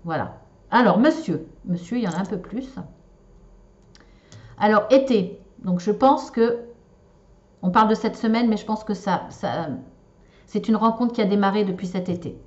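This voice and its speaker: With a darkish tone and long pauses, a woman speaks at medium pitch and normal speed as she gives a relationship reading using tarot cards and shells. She's hesitant and casual, restarting often and using many fillers, captured in slightly dull lo-fi sound.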